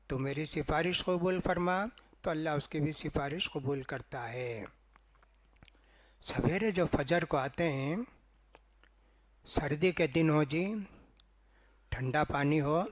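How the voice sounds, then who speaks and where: A male preacher giving a Ramadan sermon in a chatty, storytelling way, tagging phrases with "ji" and "na" and acting out the dialogue of his stories. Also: fairly high pitch. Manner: conversational storytelling, frequent "ji" and "na" tags; acts out quoted speech in dialogue. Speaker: mosque preacher.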